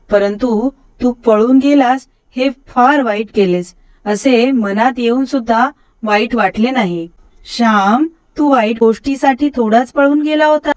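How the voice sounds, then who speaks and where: A woman voicing a loving, gentle mother who softly reassures her young son in a storybook reading. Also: fairly high pitch, lightly acted, rough recording.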